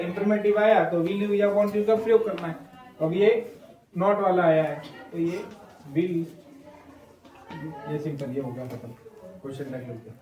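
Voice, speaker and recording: A man's voice: high-pitched, darkish tone. A male teacher giving a grammar lesson, explaining step by step and checking in with the class often. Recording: echoey room, mic at a distance.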